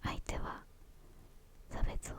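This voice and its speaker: In ASMR fashion, a young woman whispers her answers to questions, breathy and hushed, pausing hesitantly between brief phrases.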